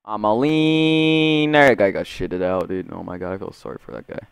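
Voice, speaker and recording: Young gamer bro with a clear voice. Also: male voice, sits low, fast, dry recording. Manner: slangy gamer bro talk, full of "dude" and "bro"; swings between muttering and excited shouts. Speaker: gaming video creator. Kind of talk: casual, profane video game commentary.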